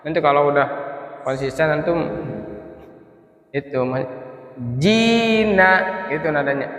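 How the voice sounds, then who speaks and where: A man teaching a Quran recitation class, chanting syllables for students to repeat and explaining in quick, casual asides. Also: on the high side, level tone, a bit bright, reverberant, big-room sound. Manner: quick casual asides between slow sung examples. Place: prayer room, indoors.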